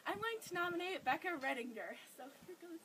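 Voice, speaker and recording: A woman's voice: very high-pitched, expressive, fast, very noisy. A woman casually addressing the camera in a home video. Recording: loud music, distant microphone.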